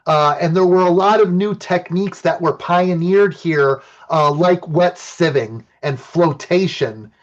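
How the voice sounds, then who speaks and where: A fairly high-voiced man, from Illinois, lecturing about archaeology with enthusiastic, chatty storytelling. His voice comes through a computer mic on a video call. The audio is dull and lo-fi. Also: measured pace, few pauses. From Illinois, USA. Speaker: archaeologist giving a talk. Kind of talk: lecture with personal anecdotes.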